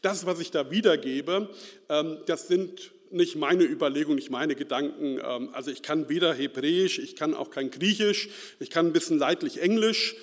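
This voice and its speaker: A man's voice: on the high side, moderate pace. A man from Hesse, preaching an informal sermon in a chatty, self-deprecating way, full of fillers and "ne?" tag questions. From Central Hesse, Germany. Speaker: lay preacher. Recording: reverberant hall.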